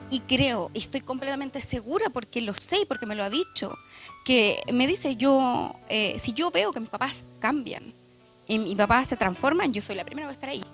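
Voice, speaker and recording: A woman's voice: high voice, lively intonation, normal speed, a bit bright, faint music behind. A young woman, speaking reflectively and with emotion in a church testimony interview, often hesitating with fillers.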